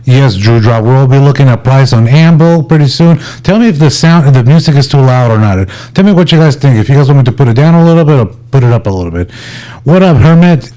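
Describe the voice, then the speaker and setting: A man hosts a livestream, chatting with his viewers in a relaxed, informal way, as if they were his buddies. His mid-range voice is animated, fast and dark in tone, and the audio quality is poor.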